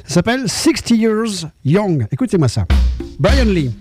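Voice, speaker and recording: A man's voice: high-pitched, very animated, normal speed, a little mellow. A man hosting a blues music show on the radio, chatting informally as he introduces records. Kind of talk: casual radio presenting between records.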